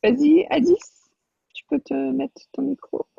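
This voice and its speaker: A woman's voice: high-pitched, a little slow, vocal fry, no echo. A woman coaching a group on an online call, talking off the cuff in an encouraging, directive way. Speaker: coach leading an online class. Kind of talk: spontaneous coaching talk. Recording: muffled, dull online-call audio.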